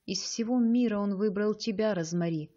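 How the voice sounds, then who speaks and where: Lady reader doing sly old neighbor woman in an audiobook, sweet-talking, mellow, slightly dull sound. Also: medium pitch, normal speed, natural voice. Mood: insinuating. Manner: ingratiating, insinuating.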